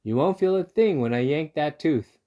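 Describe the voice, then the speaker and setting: A man's voice: on the high side, expressive, moderate pace, warm tone, lo-fi sound, voice pushed up, close to an everyday voice. A man voicing a brave, wary male mouse dentist, firm and emphatic, in a storybook read-aloud. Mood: firm, professional.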